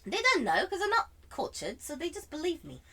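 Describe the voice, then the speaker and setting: Telling an animated anecdote in casual chat, this woman speaks high and a little fast. She theatrically acts out the dialogue in a put-on British accent.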